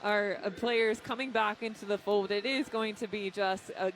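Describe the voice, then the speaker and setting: Female basketball analyst, mid-pitched voice, laying out game strategy, clear ambient noise behind her. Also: steady tone, normal speed. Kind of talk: pre-game sports analysis.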